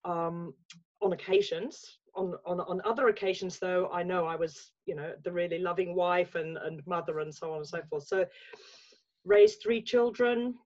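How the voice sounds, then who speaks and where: The laptop webcam mic gives a lo-fi sound to this lowish, slightly mellow voice at a moderate pace. She's an English woman in her sixties, a life coach, reflecting as a guest in a casual video-call interview from a home room with bookshelves, often restarting.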